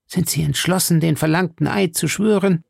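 A cruel male villain who thunders his commands in a raised, forceful voice, as a gravelly-voiced narrator puts him on. The storybook reading is close and dry. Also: on the high side, normal speed, no echo, voice pushed up. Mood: menacing.

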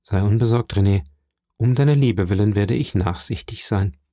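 A formal, measured young royal prosecutor, read by a man, dutiful and courteous to the last word. His voice sits low and sounds close and dry, with no room around it. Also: dark tone, no room sound, close to an everyday voice. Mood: reassuring.

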